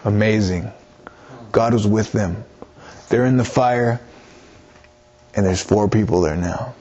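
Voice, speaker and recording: This man preaches earnestly, reading scripture and explaining it, repeating phrases as he directly urges his listeners on. His voice is lowish and a little mellow, and he takes it slowly. The lo-fi recording sounds slightly dull.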